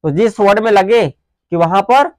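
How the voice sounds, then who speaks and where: A man's voice: high-pitched, a little mellow, no echo, clean studio sound. A male grammar teacher giving a classroom lesson who keeps asking questions and answering them himself, mixing Hindi and English. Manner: dictates definitions slowly word by word.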